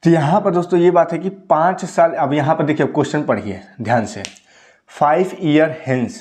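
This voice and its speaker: A man's voice: fairly high pitch, normal speed, a little mellow. A young man teaching a maths lesson, explaining exam problems step by step and checking in with his students again and again. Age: 20s. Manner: repeats points with frequent "ठीक है" check-ins.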